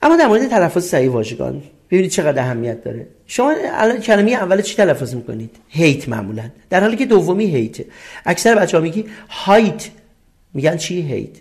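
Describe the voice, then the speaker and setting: Male English teacher, middle-aged, Persian accent, slightly high voice, patient question-and-answer lecturing. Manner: explains step by step and asks and answers his own questions. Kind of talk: recorded classroom lesson.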